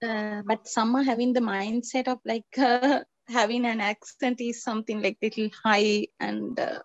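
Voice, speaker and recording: A woman's voice: on the high side, flat delivery, normal speed, no room sound. Polite Sri Lankan woman on a dull call line. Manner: polite, hesitant, fillers like "like, you know". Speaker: seminar participant. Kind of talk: asking a question in an online seminar.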